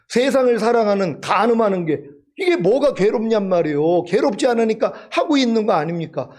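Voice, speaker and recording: A man's voice: high-pitched, darkish tone. A male pastor preaching a sermon, emphatic and full of rhetorical questions, sometimes acting out a pleading prayer.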